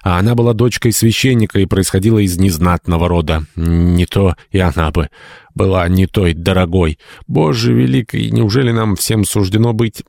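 A man's voice: low-pitched, fairly even intonation, normal speed, vocal fry, darkish tone, no echo, clean studio sound, pitched above the performer's own voice. A male audiobook reader voicing a bitter, imperious old baroness who scolds her niece. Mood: angry. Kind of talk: audiobook character reading.

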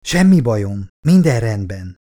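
A man's voice: lowish voice, big pitch swings. A man voicing a gasping, weakened old billionaire. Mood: breathless. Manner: weak, gasping, hushed. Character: dying elderly male billionaire, proud.

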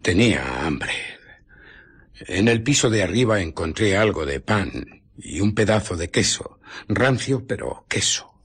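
Griffin, a husky, arrogant invisible man. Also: sits low, sing-song, fairly bright tone, exaggerated voice. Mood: brooding, recounting. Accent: Spain. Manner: theatrical, deliberate storytelling. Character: Griffin, arrogant invisible scientist, amoral and self-justifying. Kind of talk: radio drama acting.

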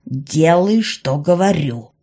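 A protective young shapeshifting mage in an audiobook, as a woman lowers her voice for him, calm and firm in his lower register. His tone stays slightly husky and breathy. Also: slow, exaggerated voice. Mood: commanding. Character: steady young male cat-shifter mage, protective.

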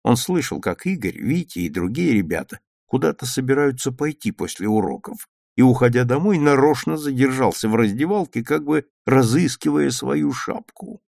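A man narrating a children's story aloud in an expressive, lively reading style. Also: mid-range voice, normal speed, vocal fry, no room sound, studio quality.

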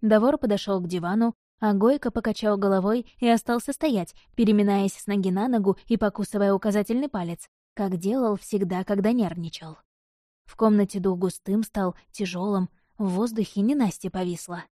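A woman narrating a fantasy audiobook in a measured, even storytelling manner. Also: medium pitch, no echo, studio quality.

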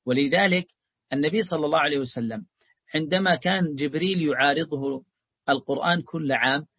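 A man's voice: a little high, a little fast, husky, no echo, lo-fi sound. A man teaching a religious lesson, explaining a text and calling his students his beloved ones.

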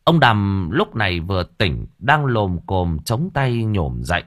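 Guy reading a story aloud, kinda husky, super animated. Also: fairly low pitch, measured pace. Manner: vivid, expressive. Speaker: audiobook narrator. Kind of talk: storytelling narration.

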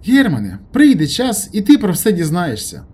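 A man doing a breezy, high-voiced preacher. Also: huge pitch swings, moderate pace, darkish tone, slightly rough, full character voice. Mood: lofty. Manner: breezy, evasive, lofty. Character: cheerful carefree male preacher.

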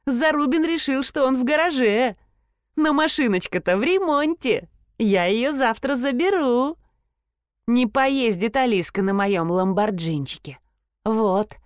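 Woman reading as a crude, squabbling rich blonde, loud slangy outbursts, high shrill voice, dry close sound. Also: lively intonation, measured pace, clean tone, no echo. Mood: gloating.

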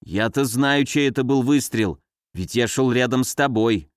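A man's voice: mid-range voice, moderate pace, clear, resonant tone, dry recording, clean studio sound, natural voice. A man voicing a blunt, stubborn old blind man who talks back defiantly. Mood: menacing.

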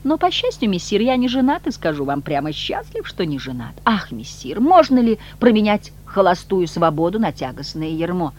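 A reader voicing an excitable, boastful male cat-demon in a high, theatrical voice. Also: normal speed, few pauses, natural voice. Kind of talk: audiobook reading.

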